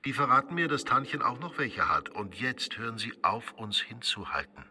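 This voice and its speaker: An actor playing a sly stage conjurer in a radio drama, talking in a smooth, coaxing, mock-confidential way. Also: male voice, fairly high pitch, sing-song, measured pace, bright, forceful tone, slight background noise, exaggerated voice. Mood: teasing. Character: sly male stage conjurer, probing and teasing.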